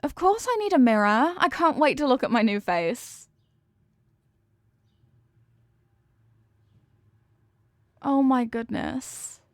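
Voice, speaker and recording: In an intimate ASMR audio roleplay, a woman voices a sweet headless horsewoman, a giddy, devoted girlfriend whose fairly high voice comes across close and dry. She's playful and loving, swinging widely in pitch at normal speed, excited and touched, on a dry recording.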